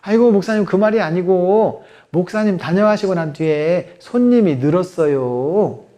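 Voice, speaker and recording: A man's voice: high voice, animated, moderate pace, mellow. A man voicing a chatty middle-aged woman who runs a hair salon, telling her story in a matter-of-fact way. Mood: puzzled.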